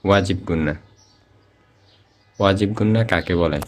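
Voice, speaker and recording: Faint music plays behind a deep-voiced man with a Bangladeshi Bengali accent as he teaches Quran reading step by step. In this slow lesson, he repeats each example word in a slow, drawn-out recitation.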